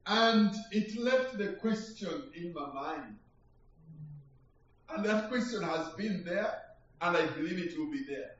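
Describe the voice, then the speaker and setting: A man from Uganda preaching a sermon, slow and reflective, building in emphasis. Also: high voice, animated, a bit bright. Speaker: guest preacher. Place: church hall. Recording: echoey hall from far off, dull.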